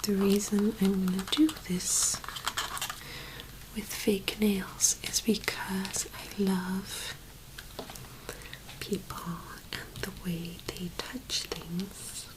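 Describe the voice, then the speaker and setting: A woman speaking in a soft, hushed whisper, gently presenting an ASMR tapping video. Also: mid-range voice, level tone, extremely slow, poor audio.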